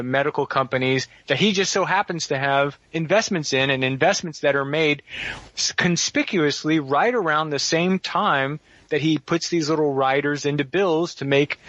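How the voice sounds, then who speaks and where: On a talk radio show, a man delivers rambling political commentary full of wry, sardonic asides. His voice is a little high and a bit bright, and the dry recording has a dull, lo-fi radio quality.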